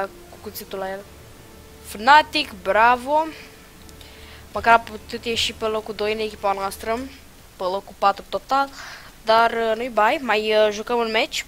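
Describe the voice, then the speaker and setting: Excitable young woman, game commentary. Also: mid-range voice, a little hiss or hum, poor audio. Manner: excitable, loud outbursts and muttered asides. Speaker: gaming channel host. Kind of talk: casual gameplay commentary.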